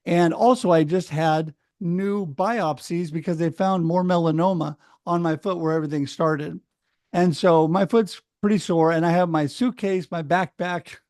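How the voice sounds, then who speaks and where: On a video call, a middle-aged Oregon man casually tells his story with animated energy, acting out what other people said. His voice sits fairly high and moves at a moderate pace, and the sound is dry and close with no room echo.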